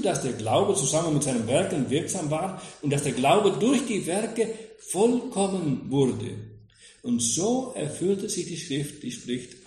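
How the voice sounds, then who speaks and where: Lively man preaching in an echoey room. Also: a little high. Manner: lively, questioning, addresses listeners directly. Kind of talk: sermon expounding scripture. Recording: echoey room with faint noise.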